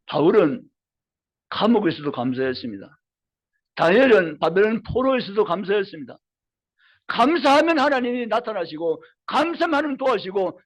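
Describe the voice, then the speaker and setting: A male pastor in full sermon, with a high voice that swoops up and down as he drives home each point. He repeats key phrases with mounting emphasis and calls out to his listeners. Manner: storytelling with acted quotes, rising emphatic appeals.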